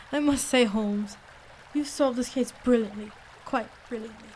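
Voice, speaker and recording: A woman's voice: fairly high pitch, a little slow, a little mellow, slight background noise, lightly acted. A woman playing a loyal male doctor, a detective's earnest and easily astonished companion, in a radio drama. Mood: admiring. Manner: earnest, questioning, exclamatory.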